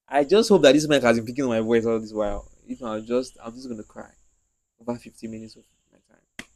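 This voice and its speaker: A man's voice: medium pitch, moderate pace, pauses often, no echo, low-quality recording. Rambling young Nigerian man, dry mic. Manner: rambling, repeats himself, often trails off quietly. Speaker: content creator. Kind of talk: casual talk to camera. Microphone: own handheld mic, noise reduction mode.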